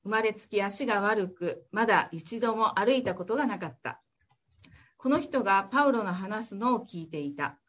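A woman reading a Bible passage aloud in church, steady and careful, then praying. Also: medium pitch, moderate pace. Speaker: scripture reader.

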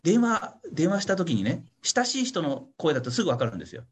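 Lively, husky-voiced man preaching casually. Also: fairly high pitch, fairly quick. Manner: chatty, keeps adding a questioning "ne" tag; playful, acts out little voices for examples. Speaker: pastor leading a Bible study. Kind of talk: casual teaching sermon. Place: online meeting with a congregation.

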